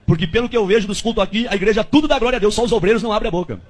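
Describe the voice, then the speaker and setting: A man voicing his devout wife, who talks calmly and softly as she gives advice. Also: high voice, racing. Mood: earnest. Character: devout gentle wife giving advice, woman.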